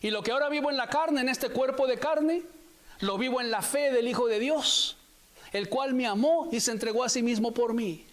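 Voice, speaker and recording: High-voiced man preaching emphatically. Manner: emphatic and repetitive, stretching key phrases slowly. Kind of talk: sermon.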